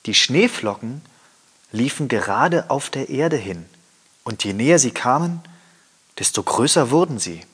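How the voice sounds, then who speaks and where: A man reading a fairy tale aloud with expressive storytelling. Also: medium pitch, a little slow, breathy edge. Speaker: reader.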